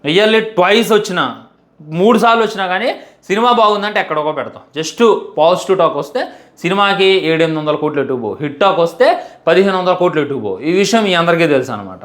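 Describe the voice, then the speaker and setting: A young man delivers a heartfelt fan monologue, stacking up repeated phrases and pleading with the audience. His voice sits a little higher than most men's. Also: animated, quick pace, fairly bright tone. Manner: emphatic, repetitive, pleading. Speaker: fan commentator.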